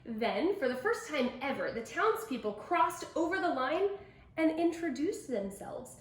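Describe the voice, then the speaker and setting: In an echoey room, a woman with a high-pitched, animated voice reads a picture book to children a little slowly. Her storytelling is expressive and emphatic, and she adds asides for the young listeners.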